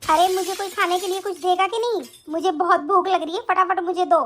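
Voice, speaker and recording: A woman voicing an angry, defiant young bride in an animated story. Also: very high-pitched, fairly quick, a little hiss or hum. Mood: snappish. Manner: snappish, defiant.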